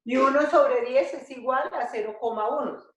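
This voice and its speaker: A woman teaching a slow, repetitive math lesson to children, often checking that they follow. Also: high-pitched, fairly bright tone. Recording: echoey dull home recording.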